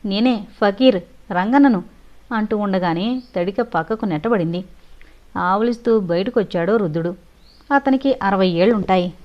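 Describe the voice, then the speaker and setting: A woman reading a suspense audio novel in a steady storytelling voice. The recording is dull and lo-fi. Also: medium pitch. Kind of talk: scripted narration.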